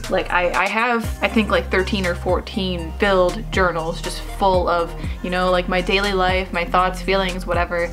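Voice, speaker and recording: Young woman chatting to viewers, slangy and casual, music playing underneath. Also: mid-range voice. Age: young adult. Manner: informal, self-deprecating, loose slangy phrasing. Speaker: vlogger.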